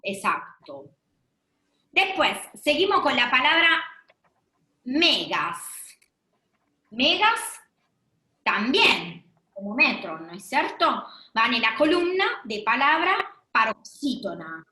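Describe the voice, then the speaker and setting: A woman's voice: fairly high pitch, very animated, takes it slowly, pauses often, bright, forceful tone. A woman teacher, leading an online class in a patient way, asking questions and affirming answers. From Argentina. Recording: echoey room.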